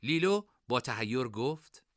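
Reading a fantasy audiobook from a script, this male narrator lets his mid-register pitch swing up and down with lively expression. His tone comes across bright and forward, and the close, dry recording carries no room sound at all.

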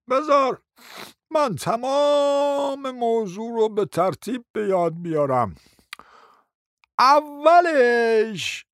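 A reader voicing a forgetful old prince who talks slowly and hesitantly, in a dry close recording. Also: mid-range voice, dry recording, pitched above the performer's own voice, natural voice. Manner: slow, hesitant, wandering.

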